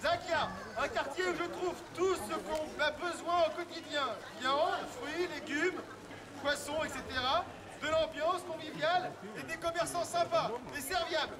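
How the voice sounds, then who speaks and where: A town crier, played by a man, calls out public messages in a very high, raised voice. The delivery is declamatory and stretched out for the street. A busy, noisy crowd surrounds him outdoors. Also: steady tone. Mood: proclaiming. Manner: loud, drawn-out, declamatory calling. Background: busy crowd in an urban street.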